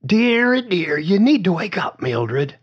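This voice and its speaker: A man voicing a breathy female caregiver whose voice is sweet and gritty at once and smoky, coaxing an old woman. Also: high voice, very animated, unhurried, voice pushed up, full character voice. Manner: coaxing, fussing. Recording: dull lo-fi recording.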